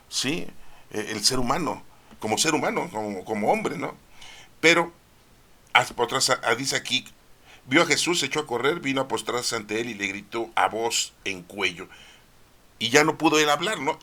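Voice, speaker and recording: A man explaining a Bible reading in a chatty, conversational way. He keeps checking in with his listeners and pauses on "este" while he looks for words. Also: fairly low pitch, sharp tone. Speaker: preacher.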